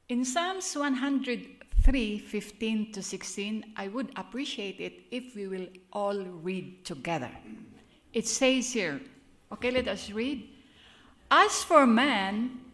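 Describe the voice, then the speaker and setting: An older guest speaker from the Philippines leads a prayer and preaches in church, earnest and chatty, often laughing at herself. She speaks with a Filipino accent in a voice on the high side and a bit bright.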